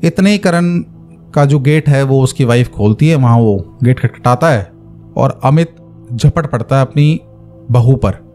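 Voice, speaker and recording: A man's voice: medium pitch, unhurried, warm tone, faint music behind. A man narrating a horror story in a casual, conversational way, stopping to explain with asides.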